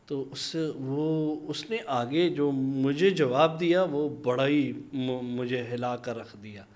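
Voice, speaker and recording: A man, sitting as an interview guest and telling a long personal story. He speaks at a mid pitch, with thoughtful pauses, and slips into other people's voices when he quotes them. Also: a little mellow. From Pakistan. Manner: long anecdotes with acted-out dialogue and hesitant pauses. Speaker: interview guest, minority community leader. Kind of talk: conversational storytelling.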